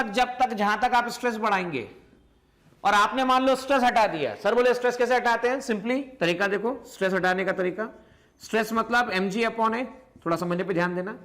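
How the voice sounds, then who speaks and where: A man teaching physics in a recorded lesson. He asks questions and answers them himself, repeats key phrases, stretches words out slowly and mixes English terms into his explanation. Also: sits high, a bit bright.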